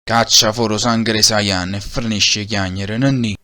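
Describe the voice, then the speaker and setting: A man voicing a proud, threatening alien warrior with a gruff manner and Neapolitan accent in a parody cartoon dub. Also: lowish voice, steady tone, moderate pace, heavy background noise, lightly acted. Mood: menacing. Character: menacing, proud male alien warrior rival. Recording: loud music under the voice. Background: loud music.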